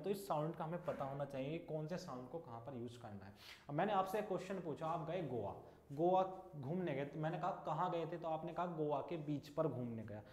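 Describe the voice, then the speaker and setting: A man teaching an English class who keeps asking his students questions and then answers them himself. His voice sits a little high, and the room around him is noticeably echoey. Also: a little mellow. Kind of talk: classroom English lesson in Hindi.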